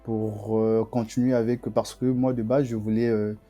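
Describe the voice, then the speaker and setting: A young man from the Republic of the Congo, a student guest telling his story in a podcast interview, halting and often repeating himself. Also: on the low side, little pitch movement, dark tone, lo-fi sound, faint music behind.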